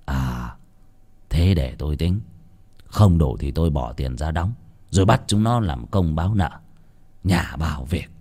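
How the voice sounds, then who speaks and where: Man putting on a menacing old village chief, deep gruff voice, storybook villain. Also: lively intonation, unhurried, pauses often, darkish tone, full character voice. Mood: scheming. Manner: low commanding growl, menacing. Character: greedy scheming old village chief, male.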